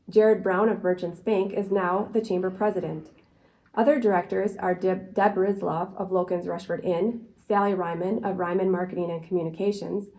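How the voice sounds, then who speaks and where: A woman's voice: medium pitch, warm tone, low-quality recording. A woman presenting scripted local community news.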